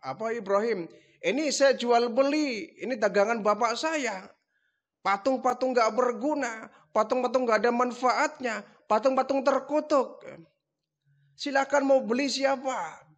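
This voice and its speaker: A man voicing a dutiful young son who loudly calls out to sell idols like a street hawker. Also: a little slow. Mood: hawking loudly. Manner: loud street-hawker calls, raised pitch.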